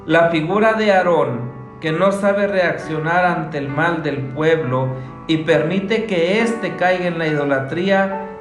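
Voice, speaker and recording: A man speaking as a priest, giving a solemn scripture reading and homily in a measured, formal way. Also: fairly high pitch. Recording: echoey room, soft guitar music behind.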